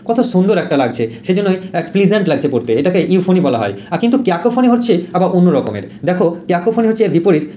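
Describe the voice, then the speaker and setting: A man teaching an exam-prep lesson, who explains in Bengali, reads English definitions slowly and often pauses with fillers and corrects himself. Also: sits high, mellow, slight background noise. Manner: frequent fillers and self-corrections.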